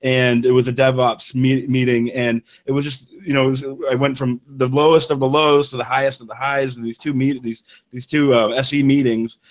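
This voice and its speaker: A man's voice: medium pitch, little pitch movement, normal speed, few pauses. A man speaking as a guest engineer in an interview, enthusiastic and rambling with many restarts. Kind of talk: casual interview talk.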